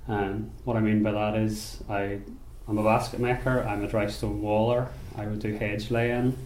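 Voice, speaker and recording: Northern Irish craftsman, low steady voice, roomy sound with faint ambience; unhurried, thoughtful interview talk. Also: slight background noise. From Belfast, Northern Ireland. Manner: unhurried, thoughtful, with frequent restarts. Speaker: basket maker. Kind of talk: interview monologue. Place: rural workshop or home.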